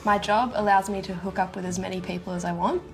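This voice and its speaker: A woman's voice: medium pitch, steady tone, fast talker. A woman telling dad jokes, giving a setup and then the punchline. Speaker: contestant in a dad joke contest. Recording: music playing behind the voice.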